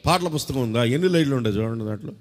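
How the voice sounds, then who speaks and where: A man with a Telugu accent preaching to a congregation in a lively, animated voice that sits fairly high. He teases the crowd, quizzes them and calls for loud responses. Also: normal speed, big-room sound. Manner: lively, teasing, quizzes the crowd and breaks into song. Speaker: pastor. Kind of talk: sermon with congregation call-and-response.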